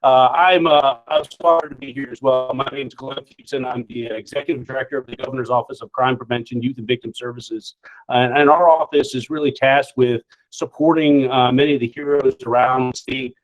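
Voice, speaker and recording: A man leading a state office, giving informal, halting remarks at a virtual award ceremony. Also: mid-range voice, steady tone. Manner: informal, halting, lots of "uh" and repeated words. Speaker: state office executive director presenting an award. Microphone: video call. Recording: lo-fi video call audio.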